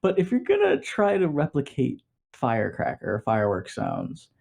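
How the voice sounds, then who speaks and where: A man's voice: medium pitch, huge pitch swings, normal speed, vocal fry, a little mellow. A man hosting a casual podcast chat, reading out odd headlines and laughing often. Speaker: podcast host.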